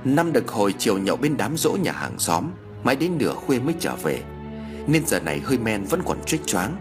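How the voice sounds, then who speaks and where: A man's voice: medium pitch, sing-song, moderate pace, music in the background. A man narrating an audiobook story in a dramatic manner. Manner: dramatic, swings into character voices.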